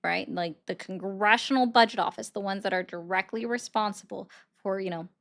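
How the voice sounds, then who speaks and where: A woman's voice: mid-range voice, fairly quick, gravelly, a bit bright. A woman hosting a political call-in livestream, talking bluntly and pushing back firmly on her callers. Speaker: host taking viewer calls.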